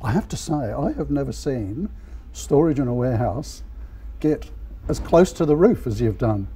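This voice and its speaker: A man's voice: mid-range voice, animated, normal speed, mellow, slight background noise. A man in his fifties hosting an interview in a large warehouse, upbeat and chatty, with a lapel mic. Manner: upbeat, chatty, frequent "yeah" affirmations. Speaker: host. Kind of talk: on-site interview.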